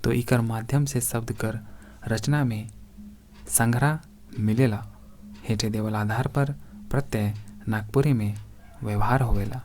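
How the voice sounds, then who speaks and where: A man's voice: medium pitch, steady tone, a little slow, pauses often, a little mellow, a little hiss or hum. A man teaching a grammar lesson for exam preparation, reading out word examples one by one and addressing viewers as friends.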